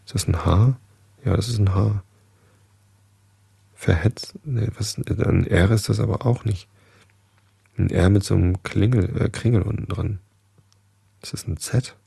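A man's voice: on the low side, a little slow, gravelly, pauses often, mellow, husky, no echo. A man reading a children's story aloud, stumbling over old print and adding chatty asides. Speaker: reader. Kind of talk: informal storybook read-aloud.

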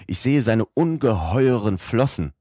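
A man voicing an excitable older professor in an audiobook, exclaiming eagerly. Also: mid-range voice, measured pace, no echo, clean studio sound, pitched above the performer's own voice. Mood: excited. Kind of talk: audiobook character voice.

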